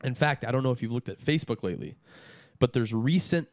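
A man's voice: medium pitch, expressive, fast, dry recording, clean studio sound. A man chatting casually on a podcast as a guest, peppering his talk with "dude". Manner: casual, says dude a lot.

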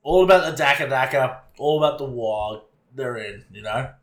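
A man's voice: mid-range voice, expressive, moderate pace, fairly bright tone, roomy sound. A man co-hosting a podcast in a joking, laid-back casual chat. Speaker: podcast co-host.

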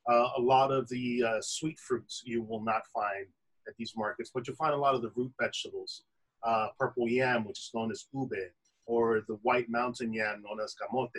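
A man with a husky, medium-pitched voice speaks as an interview guest. He runs a restaurant and explains food and ingredients in an enthusiastic, informative way. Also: fairly even intonation, normal speed, fairly bright tone, low-quality recording.

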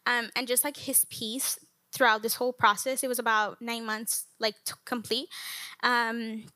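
Bright-voiced young woman from Colombia. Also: a little high, level tone, normal speed, dry recording. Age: young adult. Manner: earnest, frequent ums. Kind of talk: personal testimony at church event.

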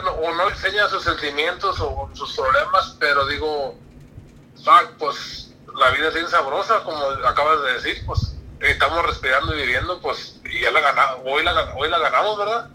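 A man, chatting as a podcast guest. His voice sits slightly high and very bright, with a tense edge. He muses reflectively, restarting his sentences as he goes, over a faint hiss. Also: moderate pace, rough recording. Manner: reflective, musing about life with frequent restarts. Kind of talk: casual chat.

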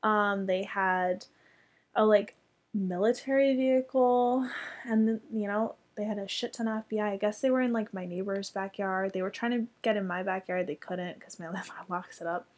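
A woman's voice: mid-range voice, steady tone, normal speed. A young woman telling a story in casual chat, chatty and full of fillers, with casual swearing.

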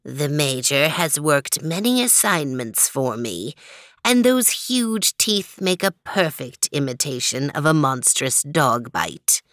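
A woman voicing a sly, gloating male cat who is a criminal mastermind, purring and slow in a storybook reading. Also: sits low, big pitch swings, fairly bright tone, no room sound, studio quality, pitched below the performer's own voice, full character voice. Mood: gloating villainy.

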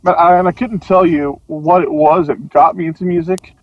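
Podcast guest, male, slightly higher voice, dry close sound, animated storyteller. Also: normal speed, dry recording, highs cut off. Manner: animated, acts out voices in stories. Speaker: guest, drum tech. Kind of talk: casual storytelling.

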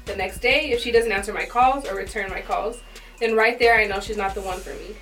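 A woman's voice: mid-range voice, brisk, fairly bright tone, recorded from a distance, faint music behind. A woman guest on a podcast, reading a post aloud in a plain, matter-of-fact way.

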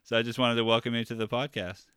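A man hosting a podcast, introducing the guest and asking questions in a relaxed, easygoing way. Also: mid-range voice, quick pace, smooth, no echo. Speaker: podcast host.

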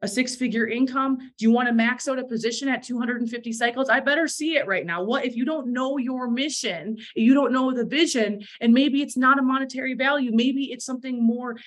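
A woman's voice: high-pitched, fairly quick, few pauses. A woman giving a motivational talk to a sales team, emphatic and repeating phrases for effect, with a bit of morning voice. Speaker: direct sales team leader.

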